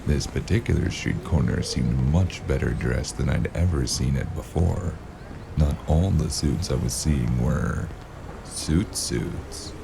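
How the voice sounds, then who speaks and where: A man playing a weary, sardonic noir gun-for-hire in an audio drama, with a gravelly voice and dry, clipped delivery. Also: takes it slowly, background noise, heavily acted. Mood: weary, brooding. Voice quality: gravelly, very low. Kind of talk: noir detective audio drama with hardboiled narration.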